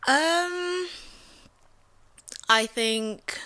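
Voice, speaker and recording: This young woman from Central West Africa talks with a bright, sharp tone. She argues a point in a relaxed debate, full of fillers and checks like "you get me." Her pace jumps between quick bursts and slow, weighed phrases. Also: high-pitched, slight background noise. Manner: animated, many fillers, often asks "do you get what I mean". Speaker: channel host. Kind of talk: casual debate conversation.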